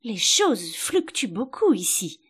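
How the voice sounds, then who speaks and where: A polite, curious little girl from a storybook, asking eager questions in a high, bright voice, as a woman reader puts her on. She sounds earnest and a touch plaintive. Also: very animated, normal speed. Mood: puzzled.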